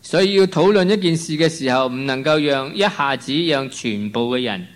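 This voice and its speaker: A man's voice: mid-range voice, moderate pace. A man interpreting a sermon phrase by phrase, following the preacher closely with occasional restarts. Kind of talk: consecutive sermon interpretation into Cantonese.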